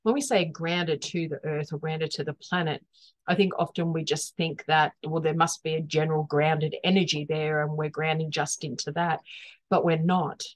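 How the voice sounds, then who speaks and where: Woman with a lowish voice, earnest wellness talk. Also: steady tone, normal speed. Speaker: wellness teacher. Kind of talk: informal explanatory wellness talk.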